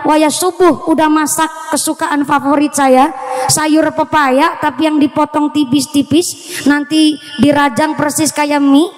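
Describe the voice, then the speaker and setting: High-voiced woman preaching through a booming PA. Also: little pitch movement, a little slow, roomy sound, in a large hall. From Cilacap, Central Java, Indonesia. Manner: chatty and playful, slipping into Javanese phrases. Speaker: female Islamic preacher. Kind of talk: humorous storytelling sermon. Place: outdoor religious gathering in the heat.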